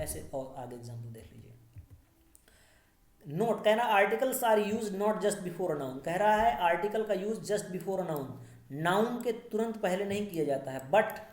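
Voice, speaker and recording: A woman teacher works through a grammar lesson at a patient, step-by-step pace. Her pitch sits in an ordinary middle range, and she slows down deliberately whenever she reads out an English rule or example. The voice carries a noticeable echo from the room. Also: a little mellow. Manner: patient, explains step by step, slows down to read English rules aloud.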